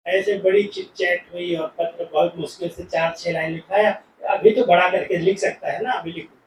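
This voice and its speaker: A man's voice: high voice, steady tone, normal speed, slight background noise. A man giving a devotional class talk, telling stories and acting out quoted dialogue, from India. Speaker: spiritual speaker. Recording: echoey hall, voice from a distance.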